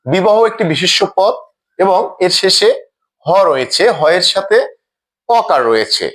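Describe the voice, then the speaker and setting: A teacher talks through a grammar lesson at a slow, deliberate pace. His voice sits high for a man. He says each example word twice, as if reading from a script. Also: very animated, fairly bright tone.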